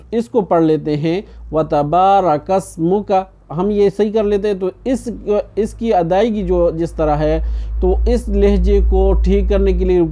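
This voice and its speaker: Mellow-voiced man teaching Quran recitation. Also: sits high, lo-fi sound. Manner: explains slowly, then chants the verses drawn out; asks the class questions and answers them himself. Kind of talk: online recitation lesson.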